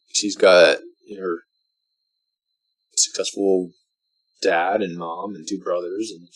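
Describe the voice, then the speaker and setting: A drunk man giving casual, rambling movie commentary, halting and meandering, often trailing off mid-thought. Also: low-pitched, rough recording. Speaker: vlogger reviewing a film.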